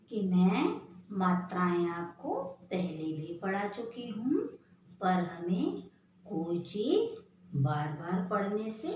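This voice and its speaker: Woman teacher for small kids; very slow, patient, lively singsong delivery; recorded from afar in an echoey room. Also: medium pitch. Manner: patient, repeats and sounds out letters syllable by syllable. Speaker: primary school teacher. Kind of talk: slow, drawn-out classroom lesson for young children. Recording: echoey room, voice from far off the mic, faint room noise.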